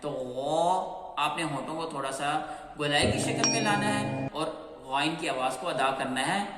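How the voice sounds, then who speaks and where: A man teaching Qur'anic letter pronunciation in a patient, step-by-step way, repeating sounds and slowly drawing out each letter. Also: on the high side, animated, over loud music. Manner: slow, clear, repeats sounds and drawn-out chanted letters. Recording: echoey room with long reverb.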